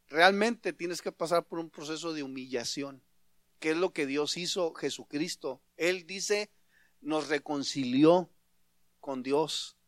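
A man preaching a sermon as a pastor, animated and acting out dialogue in his stories. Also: on the high side, no echo.

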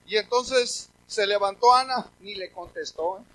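A man's voice: high voice, unhurried, fairly bright tone, low-quality recording. A man preaching a sermon, reading scripture aloud and breaking off to address the congregation with emphatic questions.

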